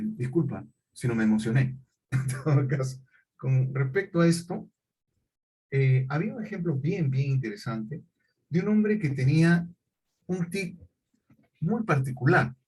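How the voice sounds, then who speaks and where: With a husky, darkish voice on the high side, a man teaches a conversational class. He's a chatty storyteller who keeps correcting himself and breaks into laughter partway through his anecdotes.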